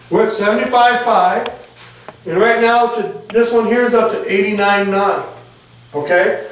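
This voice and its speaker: A man's voice: extremely high pitch, a bit bright. A man giving a live product demonstration, reading temperatures aloud and checking in with the audience with a folksy "okay?". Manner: reads out numbers like an auctioneer. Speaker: product presenter. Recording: echoey room, mic far off.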